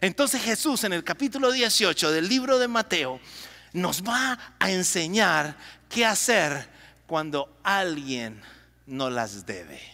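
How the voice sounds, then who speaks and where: High, lively-voiced preaching pastor. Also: male voice, slow pace. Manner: preaching with call-and-response to the congregation. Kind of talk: sermon. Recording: long hall reverb.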